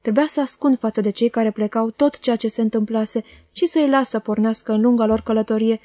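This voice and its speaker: A woman reading a classic novel aloud as an audiobook, in a measured and expressive manner. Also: on the high side, no room sound, clean studio sound. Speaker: audiobook reader. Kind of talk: literary audiobook narration.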